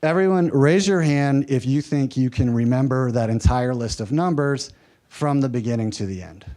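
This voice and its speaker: Speaking at normal speed in a dark, mid-range voice, a man from the mountain South leads a workshop lecture in a workshop room. He checks in with the audience and keeps his delivery conversational and gently humorous.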